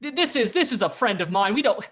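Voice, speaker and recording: A man's voice: sits high, sing-song, fast talker, a bit bright, pitched above the performer's own voice, heavily acted. A man voicing Baldur, a very drunk, blustering friend who slurs his words. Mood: placating. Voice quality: slurred, blustering. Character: drunk blustering old friend, staggering and slurring.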